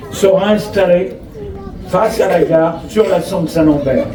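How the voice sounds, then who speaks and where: Speaking in a high voice with a French accent from France, a local official delivers an inauguration speech from notes, adding off-script asides, over a PA in an outdoor school forecourt. A distant mic catches strong room echo and obvious background noise.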